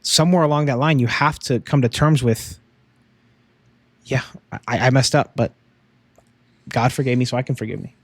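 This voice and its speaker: A man's voice: mid-range voice, moderate pace, pauses often, no room sound. Earnest young man sharing his faith. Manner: earnest, testimonial, with fillers like "um" and "like". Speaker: podcast co-host. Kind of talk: casual faith talk.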